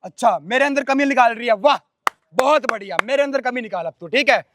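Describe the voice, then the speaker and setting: A man's voice: very high voice, brisk, background noise. A young man playing a husband who taunts his wife with sarcastic remarks. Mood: bitter. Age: young adult.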